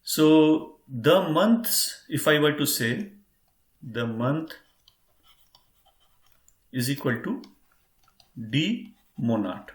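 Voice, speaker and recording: A man's voice: fairly high pitch, lively intonation, drawn-out words, long pauses. Patient male language teacher, echoey room. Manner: patient, repeats and spells words out, addresses "friends". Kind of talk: online class teaching.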